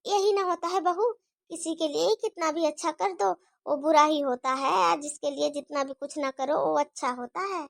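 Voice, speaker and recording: A woman's voice: high voice, fairly even intonation, moderate pace, creaky, no room sound, clean studio sound. A woman voicing a fond, worried older mother-in-law in a cartoon story, fussy and chatty.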